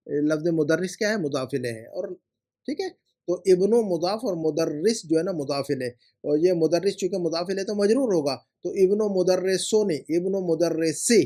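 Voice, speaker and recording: Male teacher, somewhat high voice, explanatory and repetitive as he corrects students' homework. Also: a little mellow. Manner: explanatory, repeats rules and asks "है ना" often. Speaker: Arabic teacher.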